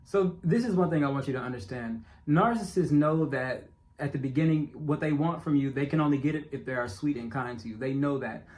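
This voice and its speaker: This self-made documentary narrator, a man with a stutter and speech impediment, addresses his audience directly in a casual monologue, emphasizing points and frequently saying things again. His voice is medium-pitched and darkish in tone, and he talks fairly quickly.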